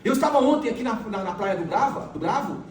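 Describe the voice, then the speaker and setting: A man's voice: high voice, animated, fast talker. A middle-aged man giving a motivational talk, telling stories emphatically and repeating phrases for force. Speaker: motivational speaker. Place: large echoey event hall. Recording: echoey hall, mic far off, faint noise.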